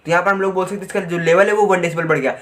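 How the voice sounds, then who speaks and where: A man teaching a physics lesson online, chatting with students and reading textbook lines out slowly. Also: sits high, fairly even intonation, a bit bright. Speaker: physics tutor.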